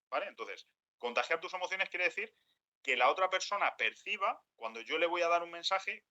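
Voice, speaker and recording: A man giving a workshop talk to a group, lively, often acting out quoted speech. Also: mid-range voice, highs cut off. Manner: acts out quoted speech, animated. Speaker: workshop speaker. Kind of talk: lecture to a group.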